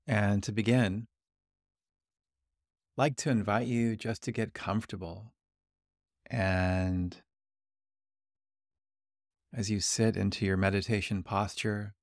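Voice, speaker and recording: A male meditation guide leads a body scan in a lowish, creaky voice. His delivery is calm and gentle, with long pauses between instructions. The studio-quality recording has no room sound.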